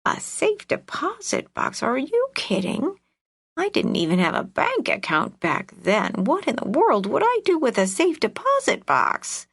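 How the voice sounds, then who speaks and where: A cranky, hard-of-hearing old woman, voiced by a woman reading an audiobook, raspy and scornful. Her voice jumps far above the narrator's own. The sound is close and dry, with no room around it. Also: high voice, huge pitch swings, measured pace, a bit bright, dry recording, voice pushed up, exaggerated voice. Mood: incredulous. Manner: gruff, suspicious, scornful.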